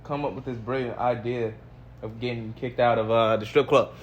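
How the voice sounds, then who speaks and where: A man's voice: mid-range voice, flat delivery, moderate pace, dull audio, a little hiss or hum. A man hosting a casual podcast, laid-back and profane, steering the conversation. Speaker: podcast host. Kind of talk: casual chat.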